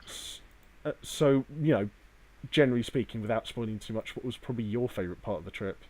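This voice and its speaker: A man's voice: medium pitch, fast, a little mellow. A man chatting casually as a podcast co-host, in a hesitant, rambling way full of filler phrases. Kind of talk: casual chat about a day out.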